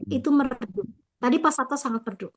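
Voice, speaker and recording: A woman sales trainer coaching her team in an online session, full of lively praise and energetic feedback. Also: high-pitched, fairly quick.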